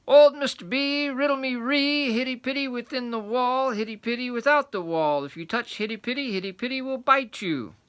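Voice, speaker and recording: A man's voice: very high voice, moderate pace, hardly any pauses, fairly bright tone, smooth, pitched above the performer's own voice. A man voicing an impudent little male squirrel from a storybook, singing teasing riddles in singsong rhyme. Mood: cheeky, teasing. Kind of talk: storybook character voice.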